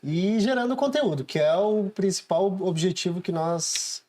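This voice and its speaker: Male co-host, upbeat, promo-style delivery, slightly higher voice. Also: lively intonation, normal speed, warm tone. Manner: upbeat, promotional, listing channels and thanks. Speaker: podcast co-host. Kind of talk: casual interview chat.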